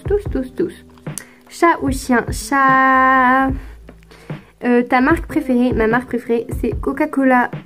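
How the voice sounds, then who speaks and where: A teenage girl from France answering viewer questions in a casual vlog, chatty and hesitant with lots of fillers. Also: a little high. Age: teens. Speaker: youtuber.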